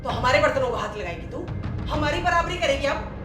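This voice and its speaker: An actress in a short film plays a proud, casteist mother-in-law, scolding her daughter-in-law and her maid with contempt. Her voice is high-pitched, very animated, and a little fast, recorded in an echoey room with music.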